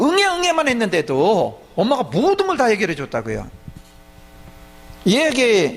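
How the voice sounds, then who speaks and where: Male pastor, sermon, questions to the congregation answered by himself, gravelly voice, animated pitch. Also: slight background noise.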